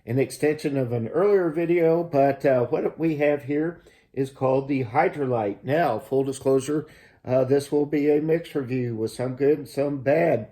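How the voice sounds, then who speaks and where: A man hosting a casual gear review, explaining things in a halting, measured way. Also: mid-range voice, mellow. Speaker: host of a gear review channel. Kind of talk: casual product review to camera.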